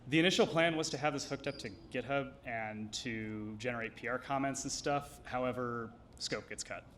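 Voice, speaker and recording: A man giving a live technical demo, explaining it in a hesitant, measured way. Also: medium pitch, a bit bright, slight background noise. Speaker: engineer presenting a demo.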